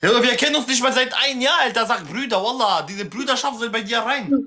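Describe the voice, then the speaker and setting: Young male streamer, forceful bright voice, pushy slangy banter. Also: very high voice, fast. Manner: street slang, insistent, repetitive. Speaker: live streamer. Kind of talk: heated casual livestream banter.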